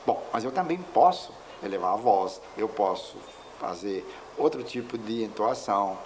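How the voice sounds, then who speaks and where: A man giving a measured lecture, explaining with examples. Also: lowish voice, lively intonation, darkish tone, poor audio. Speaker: linguistics lecturer. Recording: faint background noise.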